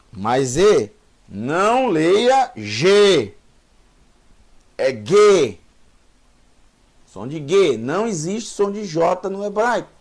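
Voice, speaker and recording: A man's voice: on the high side, gravelly, a little mellow. A man teaching a Hebrew lesson, patiently repeating each letter sound and encouraging the learner. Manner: encouraging, asks the viewer questions. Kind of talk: online language lesson.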